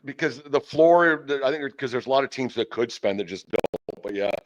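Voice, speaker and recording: With a mid-range voice and lively intonation at a normal speed, an older man hosts a baseball team podcast, rambling folksily through casual interviews and sports chat. Background noise is audible, and the audio is dull and band-limited.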